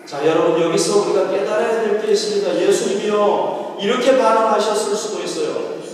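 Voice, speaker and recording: A man's voice: high-pitched, a little fast. A male pastor giving an emphatic sermon in a church hall and putting questions to the congregation. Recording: echoey hall from far off.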